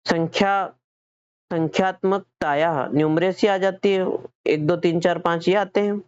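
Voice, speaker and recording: A man's voice: high voice, fairly even intonation, unhurried, clear, resonant tone, no echo, dull audio. Man teaching an exam-prep lesson. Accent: Hindi. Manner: explains step by step, repeating and self-correcting; asks questions then answers them.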